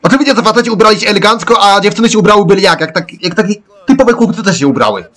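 A man commentating over a video game playthrough. He rants excitably and shouts at the characters on screen. His voice sits slightly high. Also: racing. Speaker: let's play gamer. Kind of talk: gameplay commentary.

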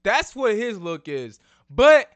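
Lively, bright-voiced young man vlogging. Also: high voice, slow. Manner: excitable, slangy, addresses viewers as y'all. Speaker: YouTube channel host. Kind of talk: casual trailer breakdown vlog.

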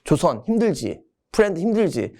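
A man's voice: high voice, very animated, normal speed, dark tone. A man putting on a gushing American envoy. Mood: coaxing. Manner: gushing, exaggerated, calls everyone friend. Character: overly chummy American envoy man, flattering.

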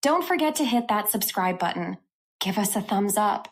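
A woman hosting a tech channel, walking through a software review step by step in an upbeat way. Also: medium pitch, expressive, moderate pace.

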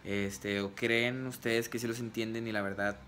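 A man's voice: lowish voice, moderate pace. A young man with a Mexican accent, a vlogger telling funny, self-mocking stories from his childhood to camera. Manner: animated, comic, self-mocking storyteller. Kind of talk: casual storytelling to camera.

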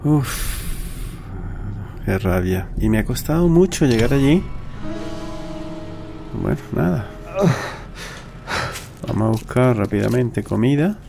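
A man's voice: medium pitch, a little slow, creaky, pauses often, music in the background. A man giving casual gameplay commentary, talking to himself as he plays. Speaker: gamer, let's play host.

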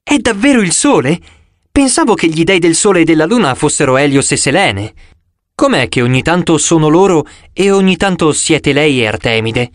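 Male reader as a wide-eyed young boy, high eager voice, bouncing melody, dry sound. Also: normal speed, no echo, lightly acted. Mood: excited. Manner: eager, excitable, high-pitched. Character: excited curious young boy.

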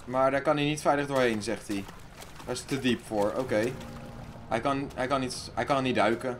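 A man hosting a let's play who talks to himself and loudly panics while playing. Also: medium pitch, moderate pace, a little hiss or hum. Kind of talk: casual gaming commentary.

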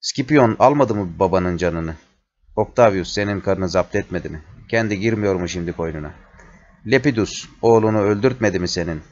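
A man's voice: sits low, normal speed, a little mellow. A man reading the part of a bitter, humiliated old nobleman who speaks with indignation. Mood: indignant. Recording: dull lo-fi recording.

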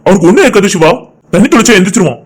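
A woman voicing a steady young man in an amateur cartoon who speaks in a calm, reassuring way. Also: mid-range voice, racing, husky, voice pushed down. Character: calm young male friend, steady helper.

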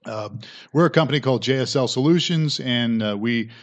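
A man's voice: medium pitch, fairly quick. An older man co-hosting a podcast in casual chat, with a former radio announcer's voice who often trips over his words. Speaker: podcast co-host. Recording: dull lo-fi audio.

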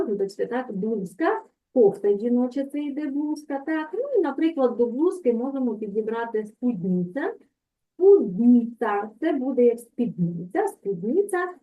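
Patient woman teacher, lightly high voice, on a thin video-call line. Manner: patient, explanatory, frequent "так?" checks. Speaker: Polish language teacher. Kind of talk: online language lesson. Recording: tinny phone-like call audio.

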